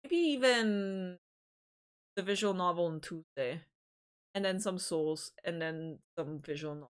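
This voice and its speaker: Slow-talking giggly woman streamer. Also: fairly low pitch, smooth. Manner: giggly and rambling, with frequent restarts. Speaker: livestream host. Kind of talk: casual chat with viewers.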